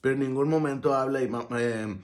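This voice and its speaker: A man's voice: mid-range voice, a little fast. A man giving a preachy, conversational monologue and acting out the voices of the people he quotes. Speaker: motivational speaker.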